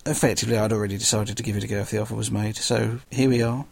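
Fast-talking South London man, slightly gravelly. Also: on the low side, steady tone, dry recording. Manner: self-deprecating, dry humour. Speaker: guest podcast host. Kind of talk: casual solo podcast talk.

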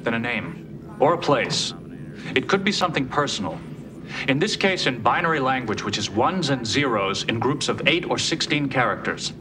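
Calm literal android guy over the ship communicator, even and exact, noisy tv audio. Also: medium pitch, moderate pace. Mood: calm, precise. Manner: literal, even, matter-of-fact explaining. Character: calm precise android officer, male.

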